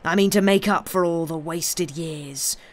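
A man's voice: on the high side, fairly even intonation, normal speed, lightly acted. A reader voicing a vengeful man back after twenty years, menacing and gloating, in a storybook reading.

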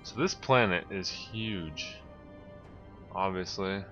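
In this lo-fi clip with faint music underneath, a man with a deep voice speaks slowly as he plays a video game. He gives casual commentary, talking to himself and exclaiming excitedly along the way.

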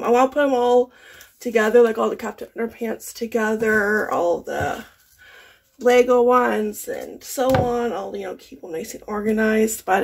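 A Canadian woman in her thirties, a lifestyle vlogger, chats casually to camera indoors in her bedroom at home, laughing often as she talks through her chores. Her voice is a little high, creaky and slightly rough.

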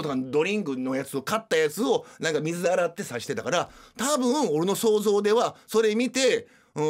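A man with a Kansai accent, hosting a radio show and animatedly retelling scenes in casual storytelling. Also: on the high side. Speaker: radio host.

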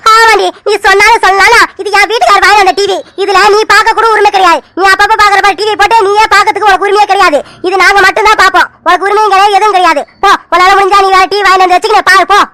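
A woman voicing a combative young mother who argues back in an animated family drama. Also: extremely high pitch, very fast, hardly any pauses. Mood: defiant. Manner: combative, retorting. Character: defiant protective young mother.

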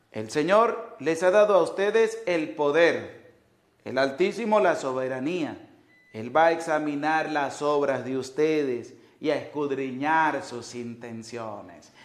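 A priest in his thirties delivers a sermon from a chapel altar, speaking into a lapel mic. His voice sits a little high and moves at a slow, deliberate pace, and he keeps coming back to pointed rhetorical questions. The chapel gives everything a roomy echo. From Venezuela. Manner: emphatic, repeats rhetorical questions. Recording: echoey chapel.

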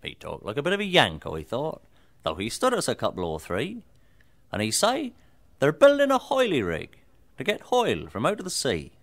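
A man's voice: wildly swooping pitch, moderate pace, a bit bright. A man performing a comic folk recitation in a broad rustic style. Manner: broad rustic delivery with sweeping swings in pitch. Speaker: folk storyteller.

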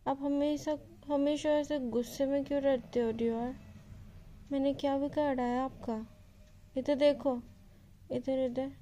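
Slow, high-voiced woman coaxing her pet. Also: steady tone, mellow, slight background noise. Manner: coaxing, scolding baby talk. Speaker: vlogger. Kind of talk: casual vlog talk to a pet.

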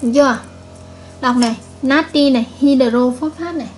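A woman's voice: sits high, normal speed, a little mellow, faint music behind. A woman chemistry teacher giving a recorded video lesson, patiently repeating each point and checking with her students.

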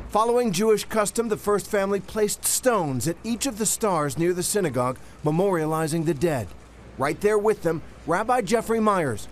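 A middle-aged man reporting live outdoors at night as a news correspondent, in an earnest, measured way. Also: sits high, slight background noise.

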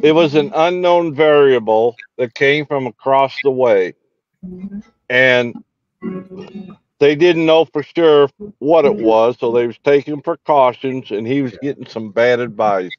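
A man's voice: medium pitch, unhurried, no echo. A man from St. Louis with an Appalachian-like hillbilly American accent, chatting casually in a folksy, plain-spoken way. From St. Louis, United States. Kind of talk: casual panel chat. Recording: dull lo-fi online call, instrumental music behind. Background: guitar playing.

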